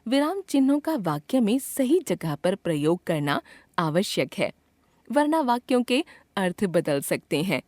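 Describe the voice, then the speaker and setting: A woman teacher narrating a scripted grammar lesson in a clear, expressive way, acting out example sentences. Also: medium pitch, unhurried, no room sound.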